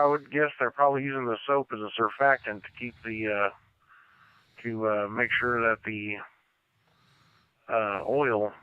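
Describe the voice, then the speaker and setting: A man's voice: mid-range voice, smooth, no room sound. American guy doing ham radio net control, casual, clean voice, dull lo-fi radio audio. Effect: two-way radio transmission. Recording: band-limited, dry amateur radio audio.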